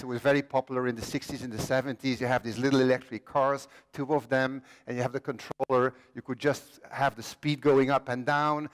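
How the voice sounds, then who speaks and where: At a conference, a Belgian man in his late fifties tells the story of his own life, joking with the audience and poking fun at himself. His mid-range voice echoes with the long reverb of a large hall.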